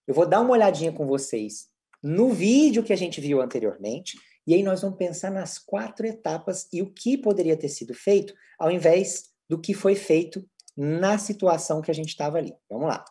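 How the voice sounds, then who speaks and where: A man with a Brazilian Portuguese accent lectures at a moderate pace with a lively, swinging pitch. Like a psychologist guiding an audience through practical cases, he teaches in clear steps and often asks rhetorical questions, then answers them himself.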